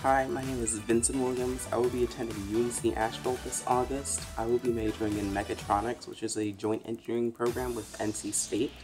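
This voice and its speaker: Flat-voiced young man. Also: medium pitch, a little fast, hardly any pauses, music in the background. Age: young adult. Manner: explanatory, matter-of-fact. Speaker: incoming college student. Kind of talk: recorded introduction.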